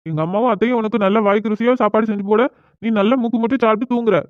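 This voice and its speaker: A proud, quick-tempered young man in a cartoon drama, voiced by a man. He argues fast and bluntly, with a tinny, phone-like sound. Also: high-pitched, steady tone, no echo, lightly acted.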